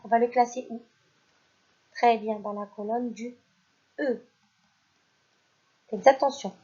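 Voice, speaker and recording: A woman teaching a primary school phonics lesson, who reads each word out loud twice and praises the children. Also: a little high, husky, highs cut off. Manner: slow and deliberate, repeats each word and stresses it louder; addresses pupils directly, praising them. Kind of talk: recorded French phonics lesson.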